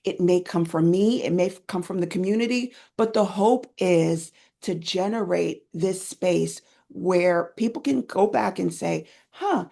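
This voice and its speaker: A woman's voice: a little slow, creaky, hardly any pauses. A woman guest in an interview, talking with enthusiasm and acting out little scenes as she tells them. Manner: enthusiastic storyteller, lively swings in pitch when retelling scenes. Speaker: guest, end-of-life doula educator. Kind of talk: conversational interview.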